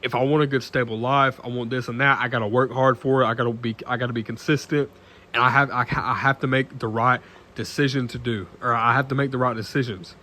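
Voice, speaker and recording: A nineteen-year-old man talking casually to camera in an earnest, halting way, full of restarts and fillers, often clearing his throat. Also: medium pitch, steady tone, bright, forceful tone. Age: late teens. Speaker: vlogger.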